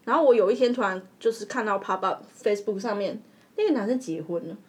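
A woman with a Taiwanese Mandarin accent, co-hosting a podcast and telling a story in a casual, animated way, laughing as she goes. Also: mid-range voice, fast. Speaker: podcast co-host.

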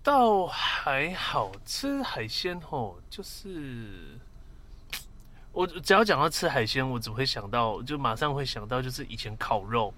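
A man with a Taiwanese Mandarin accent co-hosts a casual conversation. His voice sits at an ordinary male pitch and he talks in a laid-back, slightly hesitant way. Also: lively intonation, unhurried, bright, forceful tone. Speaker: podcast co-host. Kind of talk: casual chat.

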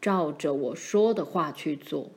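Woman reader as a pioneer dad, stern, lowered voice, firm, slow. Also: darkish tone. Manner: firm and warning, grows grave. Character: stern, protective pioneer father.

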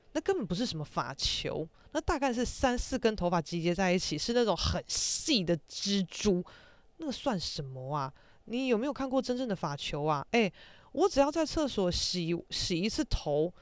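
Animated ranting Taiwanese woman. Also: medium pitch, no room sound. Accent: Taiwanese Mandarin. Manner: animated, ranting, swears casually. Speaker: podcast host. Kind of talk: casual storytelling monologue.

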